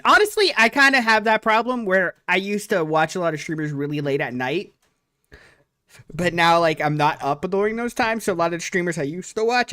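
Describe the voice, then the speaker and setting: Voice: mid-range voice, pushed and bright. A young stream host in casual chat, laughing often and asking questions.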